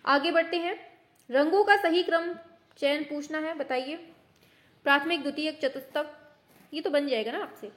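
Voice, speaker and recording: A woman teacher running a quick quiz lesson, brisk and teasing, scolding her students in mock anger as if they were children. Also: high voice, a bit bright. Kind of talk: online exam-prep quiz lesson.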